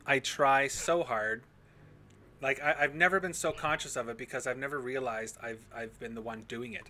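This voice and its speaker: Bright-toned chatty man. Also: medium pitch, fairly even intonation, normal speed, slight background noise. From Canada. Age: 30s. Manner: self-mocking, chatty, many restarts. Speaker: podcast guest. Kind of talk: casual chat.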